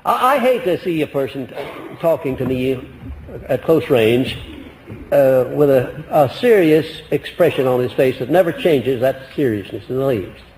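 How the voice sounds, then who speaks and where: A man giving a motivational lecture to a live audience, folksy and emphatic, deliberately swinging his voice up and down. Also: mid-range voice, animated, a little mellow, in a large hall, slight background noise, rough recording. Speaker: motivational speaker.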